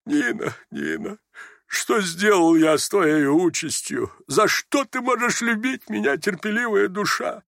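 A man voicing a distraught old drunken army general who rants in slow, stammering, theatrical exclamations. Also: high-pitched, big pitch swings, creaky, a bit bright, dry recording, studio quality, voice pushed up, exaggerated voice. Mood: wailing. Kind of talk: audiobook character voice.

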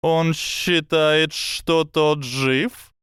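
A man's voice: on the high side, steady tone, very slow, a bit bright, clear, resonant tone, no room sound, clean studio sound, pitched above the performer's own voice. A man voicing a sardonic, scheming male snake that hisses its mocking advice. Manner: hissing, mocking, instructive.

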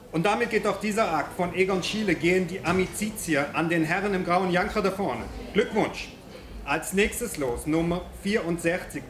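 An actor plays a formal male auctioneer in a radio drama, calling lots and bids in a high voice. The room rings around him, with slight noise underneath. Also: reverberant, natural voice. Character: formal male auctioneer running an art sale.

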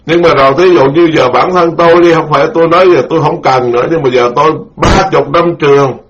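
Monk, slow and deliberate. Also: male voice, on the high side, steady tone. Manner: slow, deliberate, repeats key terms for listeners. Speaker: Buddhist monk teacher. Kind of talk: Buddhist dharma lecture. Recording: dull lo-fi recording.

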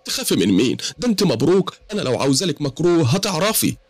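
A man voicing a distressed middle-aged woman with an Egyptian accent, pleading for help in a high, strained, tearful voice. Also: big pitch swings, rapid-fire, slightly rough, no room sound. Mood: frightened. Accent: Egyptian Arabic.

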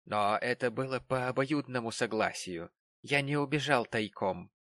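A man voicing a shy, modest young man who talks softly and hesitantly. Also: mid-range voice, moderate pace, no echo, close to an everyday voice. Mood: bashful. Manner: soft, hesitant.

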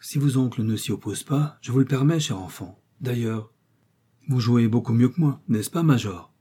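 Man reading as flustered married lady, husky, audiobook. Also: medium pitch, normal speed, dark tone, natural voice.

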